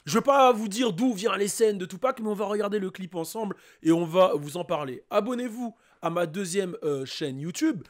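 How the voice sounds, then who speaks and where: A man hosting a YouTube reaction video, talking casually and excitedly to his viewers with lots of fillers. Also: high-pitched, normal speed, hardly any pauses. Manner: excitable, hyped, chatty with many fillers.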